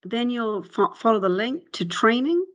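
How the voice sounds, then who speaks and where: A woman presents an online info session on a video call, explaining the steps in a relaxed way with frequent ums and uhs. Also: on the high side, measured pace, lo-fi sound. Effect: heard on a video call. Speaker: recruitment presenter.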